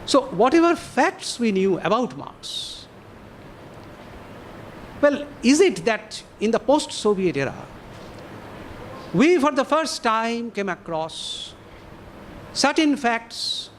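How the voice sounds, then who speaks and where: A man with an Indian English accent giving an academic lecture to an audience, deliberate and posing rhetorical questions with measured pauses. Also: sits high, a little hiss or hum.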